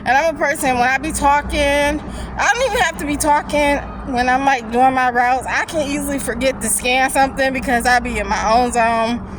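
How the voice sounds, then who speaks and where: A young woman talks into her phone while she walks, slightly breathless and pitched a little high. She rambles candidly from one thought to the next. Faint street noise hums behind her. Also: normal speed. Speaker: vlogger. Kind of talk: casual chat. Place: outdoors on foot, near traffic.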